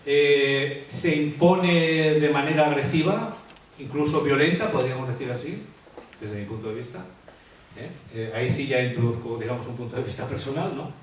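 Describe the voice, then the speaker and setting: A man's voice: mid-range voice, moderate pace, distant mic. A man from Asturias, a graphologist, explaining handwriting traits in an interview, full of hesitations and tag questions. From Asturias, Spain. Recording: echoey room, off-mic, faint hiss.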